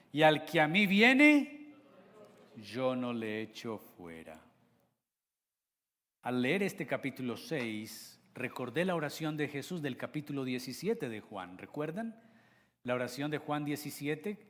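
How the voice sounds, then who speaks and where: A man's voice: a little high, fairly bright tone. A man preaching a sermon as pastor, emphatic, with rhetorical questions to the congregation and a voice that swells and sinks. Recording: long hall reverb.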